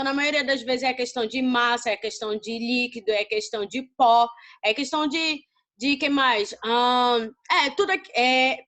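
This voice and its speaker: High-voiced Brazilian woman teaching. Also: fairly bright tone. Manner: explanatory, checks understanding often. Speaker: English teacher. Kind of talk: recorded class lesson.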